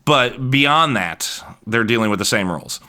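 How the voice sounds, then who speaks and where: A man from Ohio co-hosting a casual podcast, rambling along with self-deprecating jokes. His voice is bright and forward, set at a middle pitch. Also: lively intonation, normal speed. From Cincinnati, Ohio. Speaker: podcast co-host, musician. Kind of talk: casual chat.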